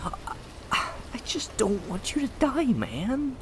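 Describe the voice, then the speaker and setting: This woman voices a stammering, exasperated, slangy, foul-mouthed superpowered slacker in an audio drama, a character who reluctantly follows the rules. Here she sounds nervous and pleading, her fairly high voice very animated but slow. Background noise can be heard.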